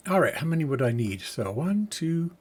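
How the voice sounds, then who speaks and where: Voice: medium pitch, sing-song, moderate pace. A let's-play host giving casual gameplay commentary, musing aloud and thinking through each task step by step.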